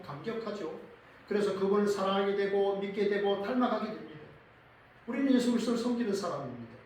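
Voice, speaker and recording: A man's voice: high-pitched, a little mellow, slight background noise. A male pastor preaching a sermon, earnest and speaking straight to his congregation in a church. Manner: earnest, addresses the congregation directly. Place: church sanctuary. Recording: echoey church from far off.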